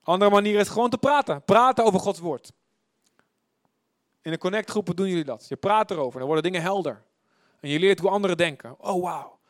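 A man preaching a sermon as pastor. His delivery is emphatic and he repeats words for effect. He swings between loud bursts and hushed, drawn-out phrases. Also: high voice, dry recording, studio quality.

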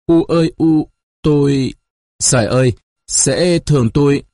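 A man's voice: fairly high pitch, big pitch swings, brisk, a little mellow, breathy edge, no echo, clean studio sound, pitched above the performer's own voice. A man voicing a frightened young village woman who stammers out her confession. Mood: scared. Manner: stammering and tearful.

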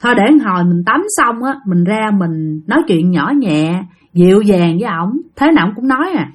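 A woman with a Southern Vietnamese accent telling a spooky story, talking straight to her listeners in an animated way. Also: medium pitch, normal speed, breathy edge. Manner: addresses listeners directly, animated retelling. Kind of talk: spoken ghost story narration.

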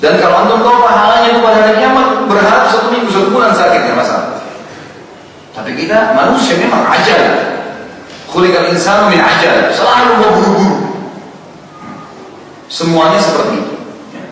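A man giving an Islamic sermon, lively, moving between hushed prayerful words and excited emphasis. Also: sits high, fairly quick, pauses often. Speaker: Islamic preacher. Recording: very echoey hall, voice from far off, faint noise.

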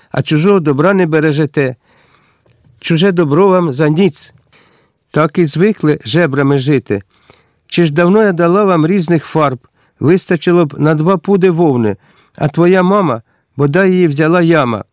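A man doing a shrill, berating landlady. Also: a little mellow, no room sound, clean studio sound, lightly acted. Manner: shrill, berating, quick to insult. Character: harsh scolding middle-aged female landlady.

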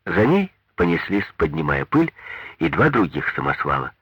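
Husky, low-voiced male narrator. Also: big pitch swings, normal speed, a bit bright. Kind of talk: audiobook reading. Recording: dull lo-fi dry recording.

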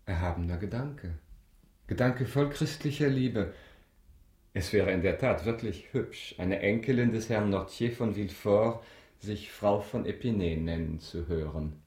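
A man in a German radio drama playing a suave, ironic count, courtly and measured with a subtle mockery. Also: lowish voice, darkish tone, roomy sound, natural voice. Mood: silkily ironic. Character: suave, ironic aristocratic count, coolly controlled avenger.

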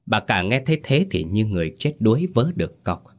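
A man with a low voice tells a horror story, drawing out grim details with dramatic weight. His delivery is vivid and steady. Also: a little fast.

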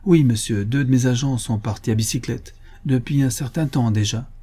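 A man voicing a shrewd, self-assured police commissioner in an audiobook, speaking in a measured, knowing way. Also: medium pitch, dark tone, slightly rough, lightly acted. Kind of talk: audiobook character voice.

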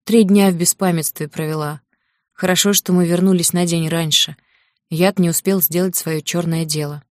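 A woman voicing a kindly, stern male elder who speaks softly and fatherly in an audiobook. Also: fairly low pitch, fairly even intonation, normal speed, no echo, studio quality, lightly acted. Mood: gently stern.

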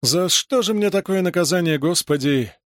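A man voicing an overworked village mother who complains bitterly and shouts in panic at her children. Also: moderate pace, no echo, clean studio sound. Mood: frantic shouting. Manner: shrill, self-pitying, shouting. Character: harried overworked village mother, shrill and frantic.

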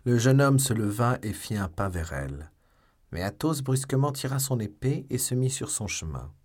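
A man reading a classic novel aloud as an audiobook, in a measured, dramatic manner. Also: fairly low pitch, very animated, a little mellow, breathy edge. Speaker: audiobook reader. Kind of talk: scripted audiobook narration.

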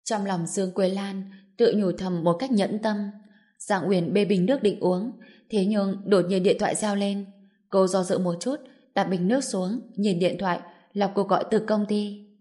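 A woman's voice: mid-range voice, fairly even intonation, moderate pace, dark tone. Woman narrating a dramatic audiobook.

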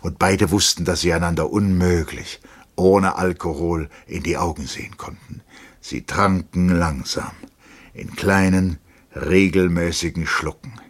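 A man reading a novel aloud for radio in a measured, dramatic way. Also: deep voice, fairly even intonation, breathy edge. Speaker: narrator.

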